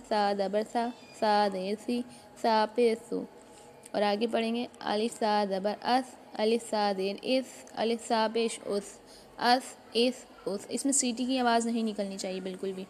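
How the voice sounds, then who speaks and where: Woman recitation teacher, fairly high voice, patient step-by-step explaining, slow drawn-out letter sounds, faint hiss behind. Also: darkish tone. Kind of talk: online tajweed lesson.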